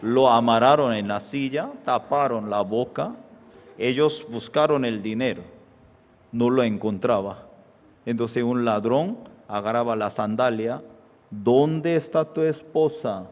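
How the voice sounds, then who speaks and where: Slow-speaking pastor in a reverberant church. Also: male voice. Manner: animated storytelling, jumping into high squeaky voices for quoted people. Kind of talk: sermon with acted-out anecdote. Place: church hall. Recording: dull sound in a reverberant church hall.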